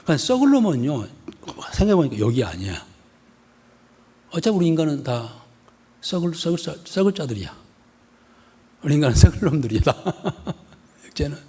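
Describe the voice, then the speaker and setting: A man's voice: on the high side, normal speed, long pauses. A male pastor from the area gives an expository sermon, asking the congregation questions again and again and acting out scenes. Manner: animated, rhetorical questions to the congregation, acts out a scolding mother. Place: church sanctuary. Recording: husky voice in a long-reverb church hall.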